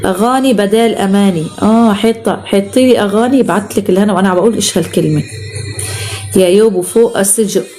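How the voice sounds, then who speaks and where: A woman's voice: mid-range voice, fast, dark tone, soft background music. A woman with a Syrian Arabic accent hosting a live stream, chatting casually as she reads out viewer comments and showers them with endearments.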